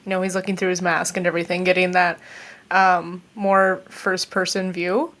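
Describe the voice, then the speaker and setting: A woman's voice: on the low side, flat delivery, moderate pace, fairly bright tone. Hesitant woman guest on a podcast. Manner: hesitant, many fillers. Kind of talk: casual podcast chat.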